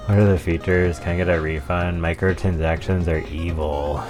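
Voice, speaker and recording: A man's voice: low voice, fairly even intonation, normal speed, music in the background. A man hosting a game playthrough with casual commentary and wry muttered asides. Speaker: gaming playthrough host.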